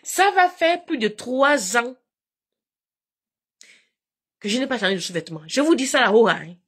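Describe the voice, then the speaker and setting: A woman chatting casually to her live viewers, telling stories in an animated, repetitive way and addressing them directly. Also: a little high, normal speed, husky.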